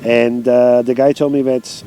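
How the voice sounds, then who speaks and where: A man with an Italian accent, from Italy, speaking halting, simple English with many fillers in a casual interview outdoors by a camper van. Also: mid-range voice, little pitch movement, mellow, slight background noise. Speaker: interviewed traveler.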